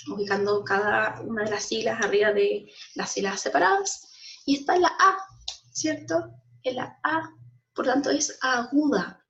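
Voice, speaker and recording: A woman teacher with a Chilean Spanish accent explaining a school lesson to children, slowly stressing syllables and often checking in with them. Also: on the high side, far from the mic. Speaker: primary school language teacher. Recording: muffled sound, voice a bit off-mic.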